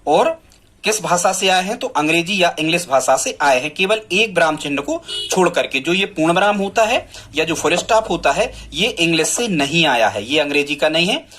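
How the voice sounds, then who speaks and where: A man's voice: on the high side, fairly bright tone. A man teaching a grammar lesson, speaking to students and repeating the key answers.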